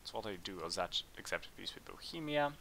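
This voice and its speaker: A man hosting a let's play, chatting casually and thinking aloud as he plays, with bursts of excitement in tense moments. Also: deep voice, a little fast, vocal fry, a little hiss or hum. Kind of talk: casual game commentary.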